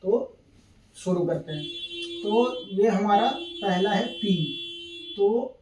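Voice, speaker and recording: A man's voice: sits high, very slow, a little mellow, slight background noise. A man teaching shorthand at a board, patiently repeating each step and checking in with his students. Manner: patient, repeats steps, keeps checking in with "thik hai". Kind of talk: classroom lesson at a board. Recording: echoey room, mic at a distance.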